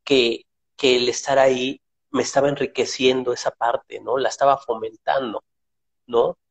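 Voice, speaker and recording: A man speaks with a gravelly, husky voice in a relaxed conversation. He is reflective and thoughtful, often checking in with a tag question. His voice sits in a middle pitch. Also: moderate pace. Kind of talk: casual conversation.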